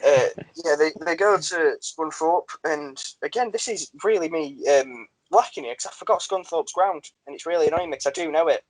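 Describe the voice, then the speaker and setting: A man's voice: fairly high pitch, moderate pace, hardly any pauses, dry recording, poor audio. Chatty man hosting a podcast. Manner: chatty, self-deprecating, laughs often. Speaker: podcast host. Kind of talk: casual podcast chat.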